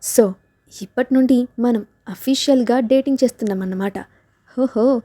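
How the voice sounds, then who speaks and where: A defiant young woman who turns playful and teasing, as the woman reading the storybook voices her. The voice is mellow and warm, at an ordinary pitch. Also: steady tone, brisk, natural voice.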